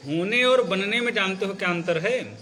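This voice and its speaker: This classroom lecture comes from a man whose high voice has a sharp tone, with a little hiss or hum on the audio. He patiently teaches the recitation of sacred stories, often asking whether students follow and reciting example lines to show the phrasing.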